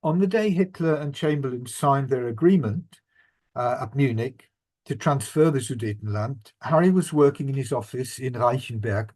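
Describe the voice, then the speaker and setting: Giving an illustrated talk on family history as its presenter and author, an older man speaks reflectively and measuredly, now and then using fillers. The voice is medium-pitched, expressive and a little mellow.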